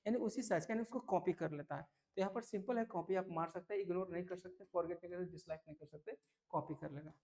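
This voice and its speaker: A man teaching English vocabulary for an entrance exam, lively and repetitive, often checking whether students follow. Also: high voice, fast talker. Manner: lively, repeats key words, asks "clear?" often. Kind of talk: exam-prep vocabulary lesson.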